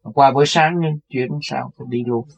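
An older man with a husky voice, earnestly telling a personal story. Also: medium pitch, normal speed. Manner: recounts events earnestly, acts out quoted voices. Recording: dull lo-fi recording.

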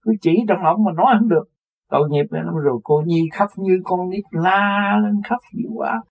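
An older man with a husky voice, earnestly telling a personal story. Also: sits high, normal speed. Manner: recounts events earnestly, acts out quoted voices. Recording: dull lo-fi recording.

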